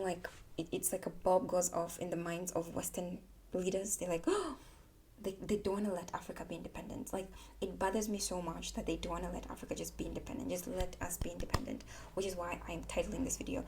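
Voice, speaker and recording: Speaking English as her second language, this Tanzanian woman vlogs political commentary, giving a frank, casual opinion piece to camera and repeating words to stress points. Her voice sits on the low side with a dark tone, against slight background noise.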